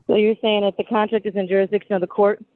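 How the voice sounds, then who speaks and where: A woman's voice: medium pitch, level tone, fast, no echo. A woman calling into a court hearing over a clipped phone line, arguing in an insistent, legalistic way and repeating her claims. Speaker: tenant defendant appearing remotely. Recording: tinny dry phone line.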